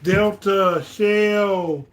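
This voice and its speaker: A man's voice: high-pitched, drawn-out words, a little hiss or hum. A tipsy man hosting a casual livestream, chatting to viewers in a loose, rambling way and repeating himself. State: tipsy from drinking. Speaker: livestream host. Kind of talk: casual live chat with viewers.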